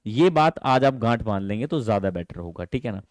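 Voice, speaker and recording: A man teaching an online English class in Hindi, animated and affectionate, calling his students dear children. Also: fairly low pitch, a little fast, no echo, studio quality. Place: teaching from home.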